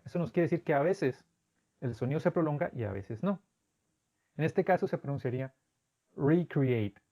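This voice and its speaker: A man's voice: on the high side, muffled recording. Patient Spanish-speaking man teaching pronunciation. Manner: patient, methodical, drawn-out demonstration words. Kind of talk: instructional explanation.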